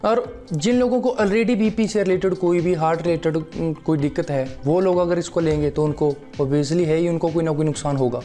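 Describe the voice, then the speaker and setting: Bright-voiced young man reviewing supplements. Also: on the high side, fairly even intonation, normal speed, few pauses, faint music behind. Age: young adult. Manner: explanatory, keeps addressing viewers as friends. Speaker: fitness vlogger. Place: living room at home, seated on sofa. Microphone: lapel mic.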